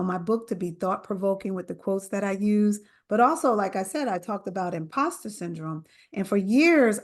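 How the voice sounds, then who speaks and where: A middle-aged woman from New Jersey, an author speaking earnestly and emphatically in an interview. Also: mid-range voice. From New Jersey, USA. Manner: earnest, emphatic, quotes others in animated voices. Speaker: author guest. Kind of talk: interview conversation.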